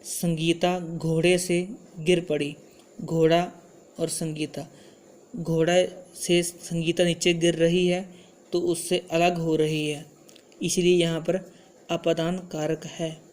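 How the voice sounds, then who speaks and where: Slow, even-toned male grammar teacher. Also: fairly high pitch. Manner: slow, repeats examples. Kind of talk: Hindi grammar lesson.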